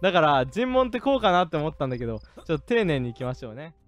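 Excitable high-voiced man shouting at a game. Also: very fast. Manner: excitable, jumps from low mutters to shouting; rough joking banter at game characters. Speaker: streamer playing a game. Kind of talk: gaming live-stream commentary.

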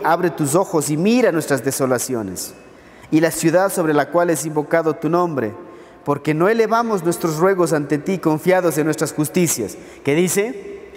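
Ecuadorian pastor guy preaching, kinda high voice, long echo in the church. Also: darkish tone. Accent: Ecuadorian Spanish. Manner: preaching with scripture readings and rhetorical questions. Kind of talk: sermon.

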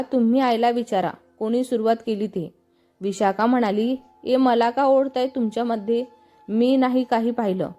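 Reading a family story aloud, this fairly high-pitched woman keeps the same even storytelling voice whether she's narrating or voicing any of the characters.

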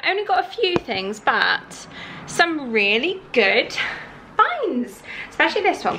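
A woman's fairly high, bright voice carries a forceful tone as she rambles happily about her shopping haul to a camera held at arm's length. The lifestyle vlogger talks first from a parked car, then from a bedroom at home, in a low-quality recording with a little hiss or hum.

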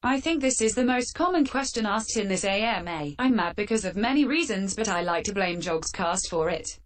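A woman hosting a fan Q&A with sarcastic, deadpan answers, her voice run through a metallic filter. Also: mid-range voice, normal speed. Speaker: channel host answering fan questions. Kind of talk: scripted comedic Q&A.

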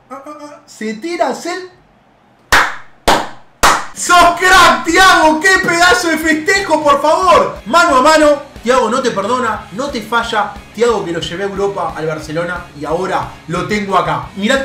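A young man with an Argentine accent giving excitable gameplay commentary as a video game coach, cheering his players on with bursts of shouting. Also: extremely high pitch, fairly quick, few pauses. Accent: Argentine Spanish. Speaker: gaming YouTuber. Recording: roomy home setup with faint background music.

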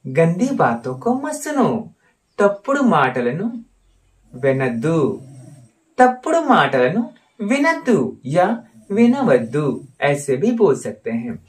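Lively, repetitive male language teacher. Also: fairly high pitch, far from the mic. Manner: repeats phrases and quizzes the listener; addresses viewers as friends. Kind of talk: spoken language lesson.

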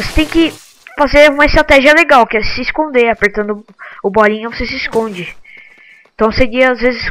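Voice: medium pitch, a bit bright, low-quality recording. A Brazilian game video host giving casual, slangy commentary, thinking aloud while playing.

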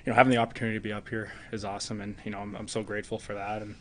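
Speaking rapid-fire, a twenty-something hockey player sits at an arena press room table with the mic in front of him, answering postgame questions earnestly and leaning heavily on "you know." His lowish voice barely moves in pitch and sounds a bit bright.

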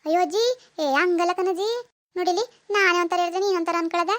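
A young mother explains herself patiently in a rural Kannada village dialect, voiced by a woman for a cartoon. Her voice is high and her words come quickly. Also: fairly even intonation, fairly bright tone. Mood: pleading. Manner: pleading, explaining. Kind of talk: cartoon voice acting.

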